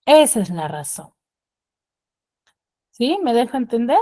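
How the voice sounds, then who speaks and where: A woman's voice: fairly high pitch, sing-song, a little slow, darkish tone. A woman teaching a class over a video call, explaining step by step and often checking that her students follow. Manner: patient, keeps checking understanding with "¿ya?". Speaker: schoolteacher.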